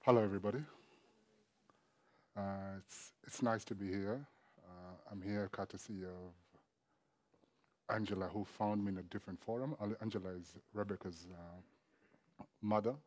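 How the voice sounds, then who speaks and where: A man opening a talk to an audience, relaxed and conversational. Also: on the low side, unhurried, pauses often. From Kenya. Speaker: guest speaker. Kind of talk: lecture opening.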